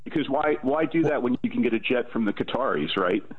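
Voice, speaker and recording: A man's voice: medium pitch, lively intonation, brisk, breathy edge, no room sound. A man calling in to a radio talk show, arguing insistently with the host and talking over him. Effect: phone-line caller on a radio show. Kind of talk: combative call-in argument. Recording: tinny phone line.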